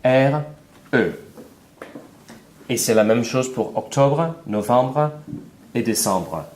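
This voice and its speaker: A man's voice: mid-range voice, expressive, slow pace, a little mellow, slight background noise. A man teaching a French lesson, spelling words letter by letter and repeating each one for learners.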